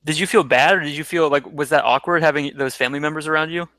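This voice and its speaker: A man's voice: fairly high pitch, quick pace, sharp tone, no echo. A man hosting a casual interview with a former student, asking friendly, rambling questions. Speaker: interview host, former teacher. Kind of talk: casual video-call interview.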